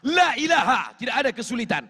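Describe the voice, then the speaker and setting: A man preaching a sermon, fervent, rising to shouted appeals and breaking into sung chants. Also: extremely high pitch, sing-song, fast, breathy edge. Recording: long reverb of a large hall.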